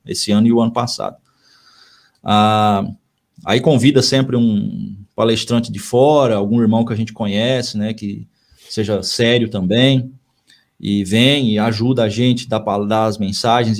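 A man who is a missionary pastor, talking in a casual podcast conversation, earnest and given to repeating his phrases. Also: mid-range voice.

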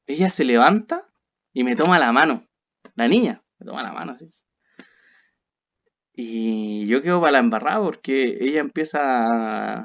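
A young man with a Chilean accent, a podcast co-host animatedly telling a personal story and acting out the quotes. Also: mid-range voice. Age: young adult. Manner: animated, laughs often, acts out quotes. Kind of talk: casual storytelling. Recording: slightly dull lo-fi audio.

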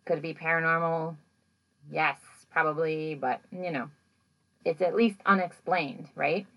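A woman's voice: low voice, unhurried, muffled recording. A woman hosting a podcast, recapping a paranormal show in a casual, rambling way, with lots of "like" and "you know.". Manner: chatty, rambling, heavy use of "like" and "you know"; animated when acting out moments.

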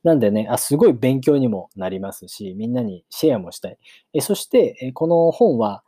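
A man hosting his channel, chatting casually with many filler pauses, then reading a novel aloud for learners. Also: mid-range voice, breathy edge, no echo, studio quality. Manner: relaxed, lots of filler pauses.

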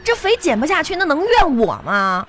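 A woman plays the bossy half of a comedic couple skit. She scolds and teases in a high voice that swings widely in pitch. Music plays clearly underneath her. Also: wildly swooping pitch, normal speed, fairly bright tone. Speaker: comedic sketch performer.

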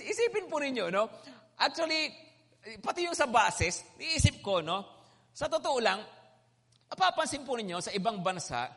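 High bright-voiced male preacher, reverberant. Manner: polite, peppers talk with tag questions. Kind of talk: conversational sermon. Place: Manila. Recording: hall reverb.

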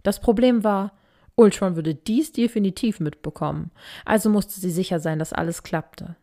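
A woman narrating a fan fiction story in an even, steady reading voice. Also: mid-range voice, moderate pace.

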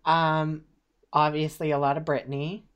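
A woman's voice: sits low, a little slow, clean tone, dull audio. A young woman from Eastern Ontario, telling stories in casual chat, with lots of fillers. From Eastern Ontario, Canada. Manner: chatty, animated storytelling with many fillers.

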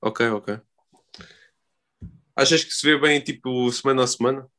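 Halting man with European Portuguese accent, podcast host. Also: mid-range voice, sharp tone. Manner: informal, halting and circling back over phrases. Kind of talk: casual chat.

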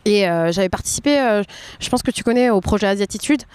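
A woman of about thirty from France, chatting as a guest in a relaxed interview, with lots of fillers and restarts. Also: mid-range voice, quick pace, clean tone, no echo. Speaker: guest entrepreneur. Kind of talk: casual interview chat.

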